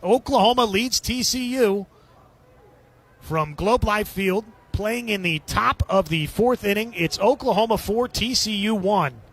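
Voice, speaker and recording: Calling a baseball game on live radio, the announcer, a man whose voice sits notably high, uses clipped, descriptive phrasing typical of sports commentary. His delivery runs a little slow, with a fairly bright tone and a breathy edge.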